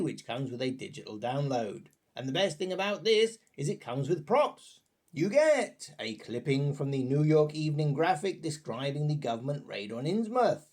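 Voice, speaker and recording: A man with a fairly high, very expressive voice narrates a scripted review, chatty and wry, dropping playful asides as he presents.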